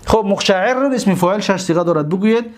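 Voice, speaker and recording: A man with a Tajik accent teaching grammar, drawing out and repeating each word form slowly for his students. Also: high-pitched, lively intonation. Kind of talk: grammar lecture.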